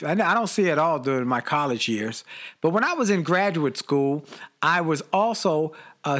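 An older man with a slightly high voice tells a story in casual conversation. He's animated and laughs a lot, acting out the voices of the people he quotes.

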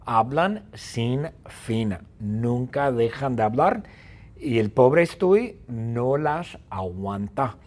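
Un hombre que narra un cuento absurdo de forma juguetona y repetitiva. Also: male voice, medium pitch, extremely slow. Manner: playful, repetitive, animated. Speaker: storyteller. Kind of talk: playful story narration.

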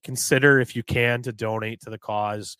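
A man's voice: mid-range voice, normal speed, smooth, no echo. Male sports podcast co-host from New Hampshire, casual and heated, swears a lot, dry close sound. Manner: animated, swears freely, gets heated.

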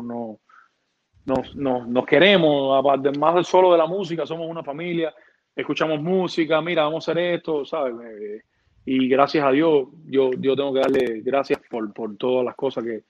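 In this lo-fi, dull-sounding recording, a man speaks at a medium pitch with fairly even intonation and a normal speed. He's a music producer chatting casually in an interview, rambling and restarting his words with lots of fillers.

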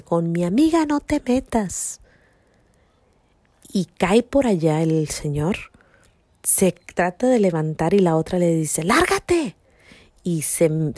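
A woman shares a personal testimony of faith on her podcast. Her voice is low and mellow, and the close, dry recording catches every hushed, whispered turn as she relives the moment. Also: dry recording. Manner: emotional storytelling, drops to a whisper at tense moments. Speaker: podcast host.

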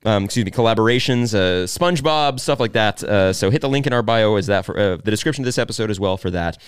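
A man's voice: on the low side, animated, fast, clean tone, no room sound. A man hosting a casual sports podcast, loose and rambling with lots of fillers. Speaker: podcast host.

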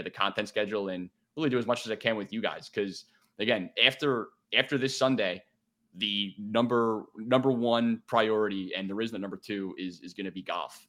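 Bright-voiced man with a Delco accent. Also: on the low side. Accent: Delco, Philadelphia area. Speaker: guest, streamer. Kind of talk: casual chat.

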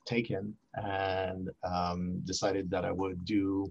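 An archaeology professor from Montreal, Canada, a man in his forties whose first language is French, is a guest in a casual interview, speaking with many fillers and restarts. His voice is deep and darkish with vocal fry, slow-paced and showing little pitch movement. The recording has a dull lo-fi sound.

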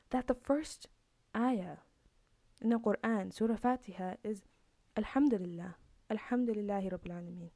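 A woman hosting a podcast gives a casual, earnest religious talk, circling back over the same points in a conversational way. Her mellow voice sits at medium pitch, and the recording is dry.

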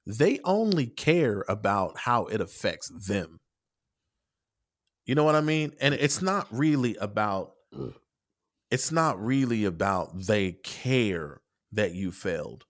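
Man, lowish voice, rambling podcast talk, restarts a lot, swears casually. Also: big pitch swings, slow. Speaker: podcast co-host and article writer.

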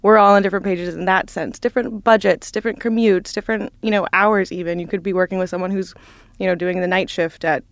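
Young woman, podcast guest, fry in the voice, smooth, dry close sound. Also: medium pitch, fairly even intonation, fast talker, no room sound. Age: 20s. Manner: thoughtful, searching for words. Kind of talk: casual podcast discussion.

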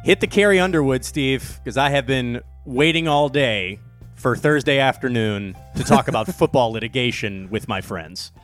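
A man's voice: medium pitch, lively intonation, moderate pace, a bit bright, faint music behind. Teasing male podcast co-host. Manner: teasing, joking banter. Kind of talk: casual podcast chat.

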